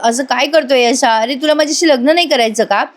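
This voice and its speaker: A woman voicing an excited young woman eager to elope, in a retold TV serial. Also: sits high, a little fast, voice pushed up, natural voice.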